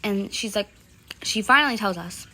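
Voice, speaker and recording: A woman's voice: medium pitch, lively intonation, moderate pace, sharp tone. A young woman telling a casual storytime, rambling with lots of fillers and loosely quoting the others. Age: young adult.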